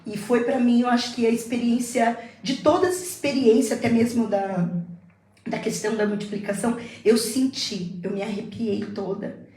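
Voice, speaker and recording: A woman's voice: on the high side, fairly even intonation, moderate pace, a little mellow. Woman telling a testimony in an echoey room. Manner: emotional faith testimony, repeats herself. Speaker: guest. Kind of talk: casual chat, testimony.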